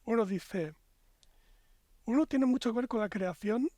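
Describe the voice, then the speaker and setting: Guesting on a relaxed podcast, a Spanish man with a fairly high voice develops long, reflective arguments in flowing, expansive sentences. He speaks unhurriedly, and his voice is close and dry with no room sound.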